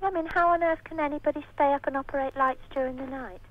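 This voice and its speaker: A woman's voice: high voice, fairly even intonation, fast. A woman talking politely on a telephone line, hedging her words with frequent "I mean". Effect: heard over a telephone line. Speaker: prank call target. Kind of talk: casual phone conversation.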